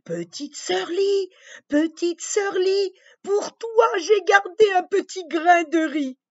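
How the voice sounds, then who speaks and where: A kind wild duck calls out in a very high, gentle sing-song, put on by a woman telling a storybook tale. It sounds bright and lilting. The recording is dull and lo-fi. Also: slow, no echo, exaggerated voice.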